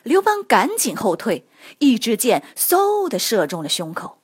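A woman narrating history stories for children in a lively, expressive storytelling manner. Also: a little high, unhurried, husky.

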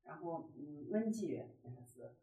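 A woman in her fifties chats fast, her voice a little low and swinging widely up and down. She gossips with restarts and lets phrases trail off. The room around her is echoey. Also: animated, mellow. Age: 50s. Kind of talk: casual chat.

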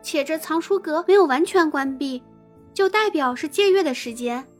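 A man voicing a gentle, patient young woman in a falsetto. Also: moderate pace, soft background music. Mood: puzzled.

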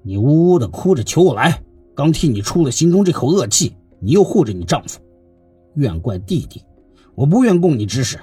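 A man voicing a hot-tempered young brother who scolds his sister in a brisk, indignant way, in a storybook reading. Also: on the high side, big pitch swings, mellow, slightly rough, dry recording, faint music behind, exaggerated voice. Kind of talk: storybook narration.

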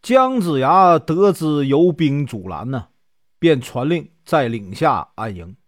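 A man's voice: fairly high pitch, sing-song, no echo. Give me a man casually narrating a classic legend in a chatty way, in a dry, close recording. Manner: chatty, lots of drawn-out filler particles. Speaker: storyteller.

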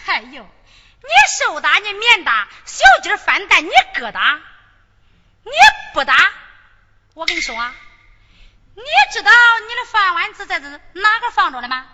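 A spoiled, cocky young nobleman played by an actress teases and boasts in a Henan accent. The voice is very high and animated, with a mock-grand swagger. It comes through a dull lo-fi recording with a long hall reverb and opera music behind. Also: normal speed, pauses often, noisy background. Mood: teasing. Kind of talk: Henan opera stage performance, comic spoken dialogue.

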